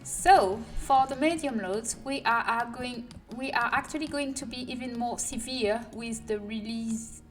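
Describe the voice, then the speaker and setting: Far from the mic, with music behind her, a French-accented livestreamer from France mutters softly to herself while she works, often sinking into a whisper. Her pitch is fairly high, her pace measured, and she barely pauses.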